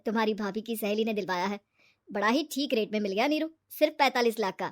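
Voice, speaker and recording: A woman's voice: mid-range voice, quick pace, natural voice. Give me a woman playing a stern, suspicious young husband.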